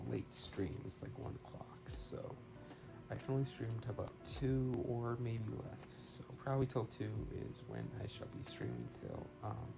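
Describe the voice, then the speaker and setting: A man's voice: medium pitch, vocal fry. A man casually talking through his work on a live stream, thinking aloud hesitantly, slightly far from a phone mic. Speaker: game development live streamer. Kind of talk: casual live stream commentary while working. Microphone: phone used as a microphone. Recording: slightly distant phone mic, roomy sound. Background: music.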